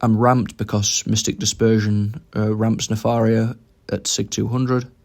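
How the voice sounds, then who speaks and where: A man's voice: lowish voice, little pitch movement, measured pace, a little mellow. A young man giving casual commentary over his own game, thinking aloud about each move as he plays.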